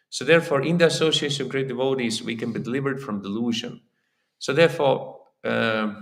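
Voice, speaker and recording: A man of medium pitch and fairly bright tone, speaking with an Estonian accent, delivers an informal religious lecture on scripture in a temple hall. He sounds earnest and keeps repeating words as he searches for phrasing.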